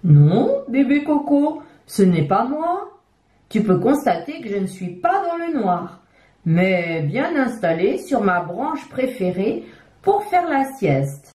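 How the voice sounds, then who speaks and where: Brief: woman doing a sleepy storybook owl, slow and mellow. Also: a little high, big pitch swings, roomy sound. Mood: calm. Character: sleepy owl on a branch, calm.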